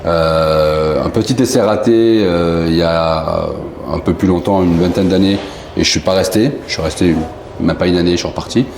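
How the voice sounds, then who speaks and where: Company founder from Marseille, low voice, easygoing storyteller, roomy sound with faint noise. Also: male voice, normal speed. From southern France, Marseille. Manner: relaxed, rambling storyteller with many fillers. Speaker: company founder, interview guest. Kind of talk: casual interview chat. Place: indoor bar room. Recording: echoey room, faint background noise.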